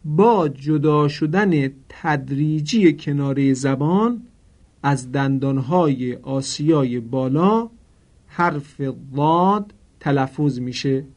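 A man teaching Quranic pronunciation in a formal, polite manner, drawing out each example word slowly so listeners can repeat it. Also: a little high, a little mellow. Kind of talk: pronunciation lesson.

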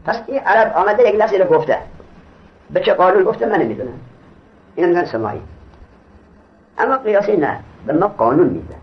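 A man teaching Arabic grammar in a classroom lecture. He reads the text aloud, explains it in casual speech and quizzes his students. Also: on the high side. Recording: dull lo-fi recording.

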